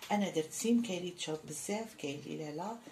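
Friendly Algerian woman, low voice, cooking tutorial host, slight background hiss. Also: very fast. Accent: Algerian Arabic. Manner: friendly, addresses viewers as sisters.

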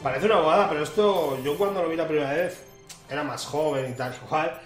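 A man's voice: on the high side, quick pace. Echoey Spanish man commenting on gameplay. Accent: Spain. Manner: colloquial, irreverent. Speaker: gamer commentator. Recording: echoey room with loud game music.

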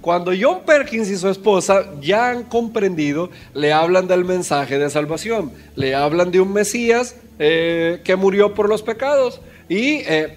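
A man preaching a sermon, telling a story and putting questions to his listeners. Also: high voice. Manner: storytelling, asks the congregation questions.

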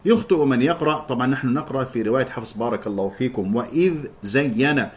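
A man teaching Quran recitation, chanting verses slowly and drilling correct pronunciation between quick explanations. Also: medium pitch, expressive, darkish tone. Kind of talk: recitation lesson.

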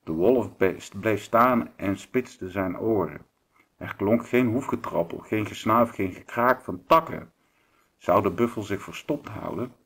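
A man's voice: lowish voice, animated, unhurried, a bit bright, husky. A man reading a children's book aloud, with occasional slips and restarts. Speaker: reader.

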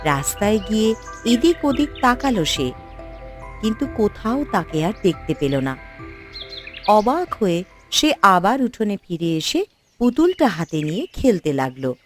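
A woman giving expressive, scripted storybook narration for a cartoon. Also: mid-range voice, a little slow, faint music behind.

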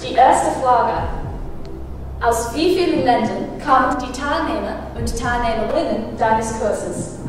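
A woman's voice: a little high, slow, crowd noise. A teenage girl playing a quiz show host in a school sketch, announcing with formal game-show patter in German. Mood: upbeat. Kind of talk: acted game show hosting. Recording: echoey hall from a distance, music.

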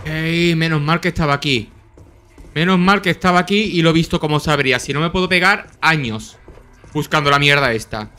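A young man with a Spain Spanish accent giving live gameplay commentary, talking to himself in quick repeated bursts and swearing and yelping whenever he is under attack. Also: on the high side. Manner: excitable, swears and yelps when under attack. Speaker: gaming channel host.

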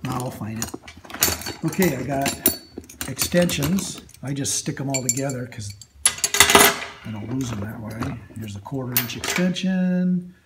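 A man hosting a workshop video, casually showing his tools in a slow, halting way with lots of ums and uhs. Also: medium pitch, animated, very noisy. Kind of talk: casual show-and-tell of tools. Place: indoor workshop at a metal bench. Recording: loud clatter of metal tools.

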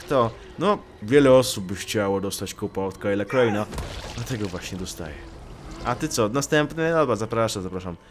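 A man commentating his own gameplay in a joking, chatty way, his pitch swinging widely. He teases the enemies on screen as he goes. Clear noise sits under his voice. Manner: joking, talks to the enemies he fights. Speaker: gaming YouTuber. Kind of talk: Let's Play commentary.

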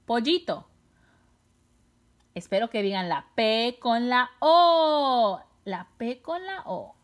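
A woman leads a children's phonics lesson at a very slow, deliberate pace, stretching each syllable as she sounds it out. Her voice sits a little high and moves through a wide, lively range, with playful, exaggerated surprise. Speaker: teacher.

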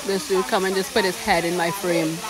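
A woman's voice: fairly low pitch, fairly quick, background noise. A woman from Trinidad filming a casual vlog outdoors, cheering friends on at a waterfall pool. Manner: excited cheering. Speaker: vlogger. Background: waterfall and people.

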